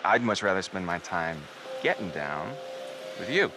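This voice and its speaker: A man's voice: sits low, sing-song, unhurried. An actor playing a playful young man who jokes around to impress his date, in video game dialogue. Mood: joking. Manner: playful and joking. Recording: game audio with loud ambient noise.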